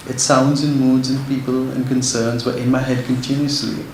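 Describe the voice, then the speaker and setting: A man's voice: medium pitch, level tone, moderate pace, darkish tone. A man reads a prepared literary talk as an author, sounding nervous and earnest. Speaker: author giving a speech. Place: echoey indoor event venue. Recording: very echoey hall, faint background noise.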